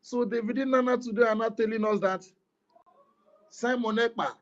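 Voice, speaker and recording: In an online audio room, a Nigerian man delivers an impassioned speech, emphatic and repetitive, firing off rhetorical questions. His very high-pitched voice holds a steady tone at normal speed, though the recording is muffled.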